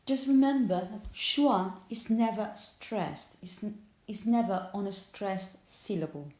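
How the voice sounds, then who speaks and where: A woman's voice: medium pitch, unhurried, a little mellow. A woman teaching a classroom pronunciation lesson, patiently correcting students and often checking "okay?".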